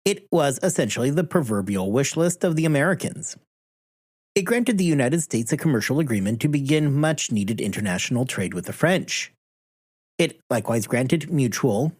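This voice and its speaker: Man, history podcast host, scripted narration, husky voice, lively pitch.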